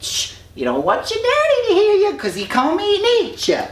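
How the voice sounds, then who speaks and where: A storyteller putting on high hushing nymphs. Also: wildly swooping pitch, moderate pace, exaggerated voice. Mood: soothing. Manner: shushing, soothing, tipsy storytelling. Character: cooing nymphs hushing a baby god, gentle and motherly. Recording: roomy echo, distant mic.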